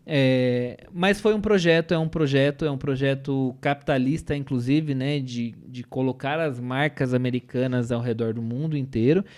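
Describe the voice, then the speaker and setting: Speaking in a mid-range, slightly mellow voice at a moderate pace with hardly any pauses, this young Brazilian podcast panelist, accented in Brazilian Portuguese, argues his strong views emphatically in a casual chat. He frequently adds "né?" and "entendeu?" tags.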